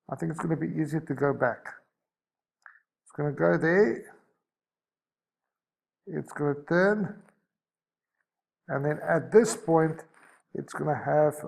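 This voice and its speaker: A man's voice: a little high, vocal fry, a little mellow, slight background noise. A man teaching a maths lesson, talking through each step as he sketches a graph and correcting himself as he goes.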